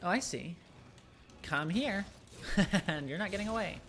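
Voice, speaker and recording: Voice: medium pitch, expressive, measured pace, fairly bright tone. A streamer chatting casually while playing, rambling with lots of ums and small laughs. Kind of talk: casual chat while gaming.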